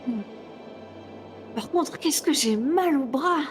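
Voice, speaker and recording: Woman playing a high-voiced plucky witch. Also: animated, slow, soft background music. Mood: awed, aching. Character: bedraggled female witch and mapmaker, teasing, plucky. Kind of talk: tabletop role-play acting.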